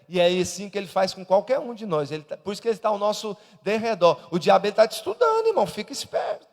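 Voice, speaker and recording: A Brazilian man preaches a Sunday school lesson as an evangelist, his voice strikingly high and gravelly. He calls out to the congregation and climbs into loud emphatic peaks. The sound trails off in the long reverb of a church hall. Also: very animated, fast talker. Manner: swells into loud emphatic preaching, repeatedly addressing "irmão". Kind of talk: Pentecostal Sunday school sermon.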